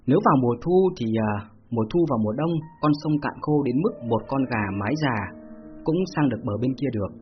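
A man's voice: medium pitch, fast. A man reading a martial-arts novel aloud as a storyteller, dropping in casual fillers and asides. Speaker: audiobook narrator. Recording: dull lo-fi recording with faint ambient hiss.

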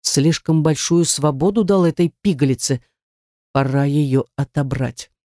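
Expressive audiobook narrator, mid pitch, dry close recording. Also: measured pace, no echo. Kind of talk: scripted narration of a romance novel.

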